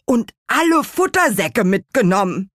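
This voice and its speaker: A woman voicing the busy male chief of the apple manikins, brisk and practical. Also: on the high side, big pitch swings, no room sound, studio quality, voice pushed up.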